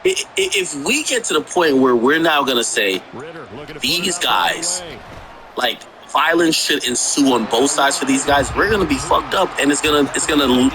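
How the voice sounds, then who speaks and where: Over poor audio, a streamer from Jamaica rants casually about politics, speaking bluntly and profanely while frequently stammering and starting sentences over. His voice is in the mid range.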